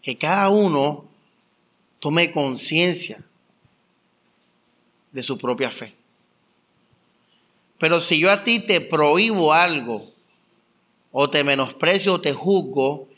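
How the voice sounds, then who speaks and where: A young adult man preaching a conversational sermon, telling stories with lively rhetorical questions. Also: on the high side. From Colombia. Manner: animated storytelling with rhetorical questions. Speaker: pastor.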